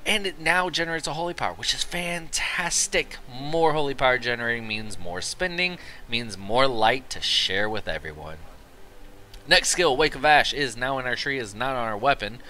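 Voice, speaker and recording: A young man giving a casual, rambling game guide commentary, excited and tired after work. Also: mid-range voice, a little hiss or hum. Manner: excited, rambling, quick asides. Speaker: gaming video creator.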